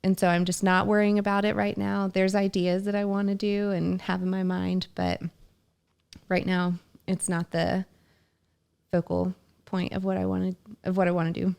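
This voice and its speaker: A woman co-hosting a casual talk podcast, speaking in a reflective, soft-spoken way. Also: medium pitch, level tone, moderate pace, creaky, smooth. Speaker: podcast co-host. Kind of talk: casual conversation.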